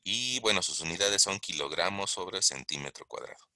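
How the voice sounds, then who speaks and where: A man's voice: low voice, lively intonation, normal speed, pushed and bright, no echo, studio quality. A man giving a recorded online engineering lesson, explaining step by step and asking the class questions. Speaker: engineering lecturer. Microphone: close mic while writing on a tablet.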